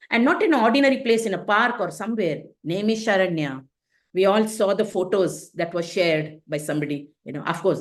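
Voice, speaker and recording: Woman leading an online scripture class, lively and questioning, talks over a video call. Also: medium pitch. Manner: animated, questioning, teacherly. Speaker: class leader.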